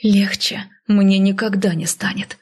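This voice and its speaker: A woman's voice: mid-range voice, steady tone, a little slow, a little mellow, slightly rough. A woman voicing a humiliated young captive princess who hisses and snaps her lines through clenched teeth. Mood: hissing furious.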